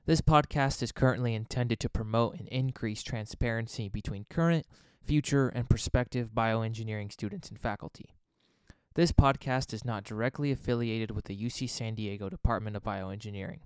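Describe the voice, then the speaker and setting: A man's voice: on the low side, moderate pace, clear, resonant tone. A man hosting a student podcast, reading the intro and then asking questions loosely with fillers. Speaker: podcast host, student interviewer.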